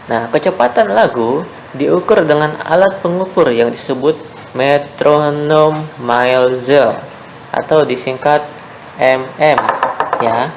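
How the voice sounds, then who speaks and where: Seorang pria mengajar musik secara daring kepada anak sekolah, suaranya agak tinggi dan kasar berderak di ujung kalimat. Ia bicara sabar, mengulang-ulang, dan ada desis samar di belakang. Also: male voice, fairly high pitch, expressive, a little slow, vocal fry, slight background noise, rough recording. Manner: patient, repeats key points, checks in with "ya" and "oke". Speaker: teacher. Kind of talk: online music lesson for schoolchildren.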